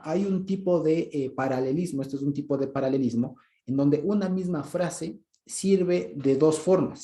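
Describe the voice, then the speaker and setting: A man with an Ecuadorian Spanish accent teaches from the Bible in a relaxed, conversational way, checking often whether his listeners follow and laughing softly. His voice is dark and mellow, sitting a little high for a man. The room around him is echoey. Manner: conversational, checks understanding often with short questions and soft chuckles. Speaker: preacher.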